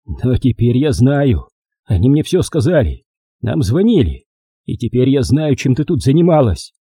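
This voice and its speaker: A man playing a defiant young man with a gun, speaking forcefully in an audiobook reading. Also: mid-range voice, very animated, moderate pace, husky, no echo, clean studio sound. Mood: accusing. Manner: forceful, shouting.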